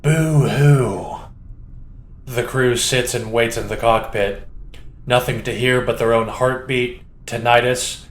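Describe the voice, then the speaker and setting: A man reads audiobook narration in a steady, descriptive way. His voice sits at a middle pitch. The recording has a roomy echo around it. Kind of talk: scripted narration.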